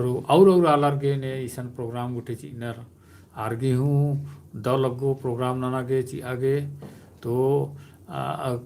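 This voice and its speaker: Male live-stream host, unhurried and halting delivery, faint hiss behind. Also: medium pitch, darkish tone. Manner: slow, hesitant, many filler sounds. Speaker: channel host answering live viewer questions.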